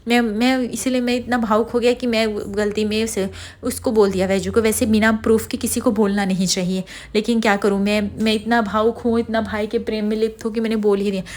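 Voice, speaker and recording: A woman's voice: a little high, flat delivery, fairly quick, a little mellow, lightly acted. A woman voicing a scheming man who blames others and fakes remorse, in her own voice. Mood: falsely contrite. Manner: accusing, then falsely apologetic. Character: scheming young man blaming others, feigning grief.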